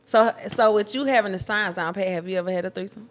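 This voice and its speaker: A woman's voice: medium pitch, fast talker. A woman co-hosting a podcast in casual chat, giving frequent backchannels and laughing a lot.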